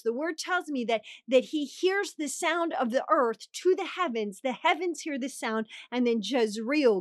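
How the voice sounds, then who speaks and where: A woman preaching a fervent prophetic sermon, reading scripture slowly and calling out prayers with repeated exclamations. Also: a little high, dry recording, clean studio sound. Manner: fervent, exclaiming "come on" and "hallelujah"; reads scripture slowly and drawn out.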